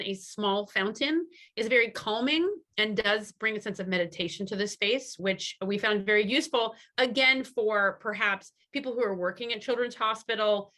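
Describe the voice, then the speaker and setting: Bright-voiced woman summarizing a group discussion. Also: medium pitch. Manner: hesitant with many fillers and restarts. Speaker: breakout group presenter. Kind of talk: summarizing at a community meeting. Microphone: video call.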